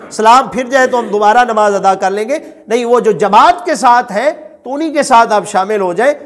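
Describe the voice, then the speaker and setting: A man's voice: very high-pitched, big-room sound. A male religious teacher, lecturing and repeating his points, asking the listeners questions and then answering them himself. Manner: repeats and explains points patiently.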